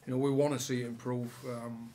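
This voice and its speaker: A little hiss or hum sits under this recording of an English rugby league head coach at a post-match press conference, a sponsor board behind him. His medium-pitched replies are relaxed and halting, with many fillers and restarts.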